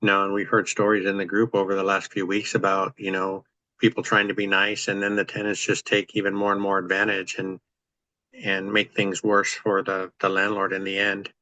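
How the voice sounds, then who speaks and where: Deep, flat-voiced man explaining plumbing. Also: normal speed, no echo, poor audio. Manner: practical, explanatory, easygoing. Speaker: real estate investor host. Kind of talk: casual chat on a video call. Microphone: video call.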